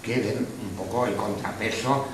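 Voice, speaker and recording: A man's voice: lowish voice, fairly even intonation, normal speed. A man from Spain speaking at a debate after a film screening, opinionated and hesitant, with restarts. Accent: Spanish from Spain. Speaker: speaker at a public discussion. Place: hall of a social club. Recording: echoey room, far from the mic, noisy.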